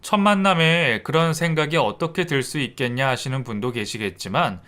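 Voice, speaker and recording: A man tells a story from his own life in an even, reflective tone. His pitch sits in the middle, and the telling feels like a quiet confession. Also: a little fast, clear, resonant tone. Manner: calm, reflective confessional narration. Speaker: narrator. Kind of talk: first-person storytelling narration.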